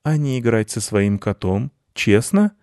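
A man's voice: on the low side, expressive, unhurried, dark tone, no echo, clean studio sound, pitched above the performer's own voice. A man voicing a lazy, self-important male house cat who lectures in a storybook reading. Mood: lecturing. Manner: pompous and lecturing.

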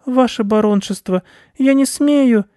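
A man voicing a small, sly male mouse with a squeaky, fawning voice, for a storybook reading. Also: a little slow, mellow, dry recording, clean studio sound.

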